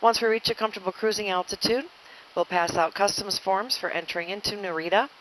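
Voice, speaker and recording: Speaking a little fast through the cabin PA handset, this woman flight attendant has a mid-range, steady, slightly bright voice. The airliner announcement comes through a noisy cabin PA.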